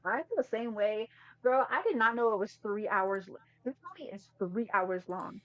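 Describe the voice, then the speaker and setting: A woman's voice: mid-range voice, moderate pace, no room sound. A woman co-hosting a podcast, reviewing a movie in an emphatic, slangy, casual chat. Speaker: podcast co-host. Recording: slightly muffled, dry mic.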